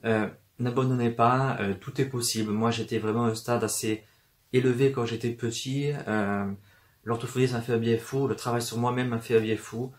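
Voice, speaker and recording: Talking to camera in a personal vlog, this young man from the south of France has a medium-pitched voice, a steady tone and normal pace. He hesitates with plenty of fillers and restarts and sometimes stutters, surrounded by books in an indoor room.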